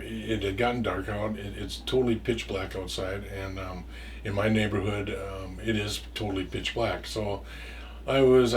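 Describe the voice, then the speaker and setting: A man's voice: lowish voice, recorded from a distance, slight background noise. A man telling a story from his past in a casual, rambling way, stumbling over and repeating words and swearing freely.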